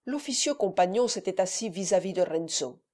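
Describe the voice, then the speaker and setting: A woman reading a classic novel aloud as audiobook narrator, measured and expressive. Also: medium pitch. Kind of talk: scripted literary narration.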